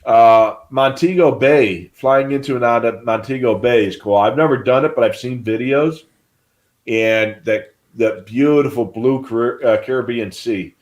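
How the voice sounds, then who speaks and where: A man's voice: medium pitch, a little slow. A man co-hosting a live stream, explaining in a casual, rambling way with many fillers. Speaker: livestream co-host.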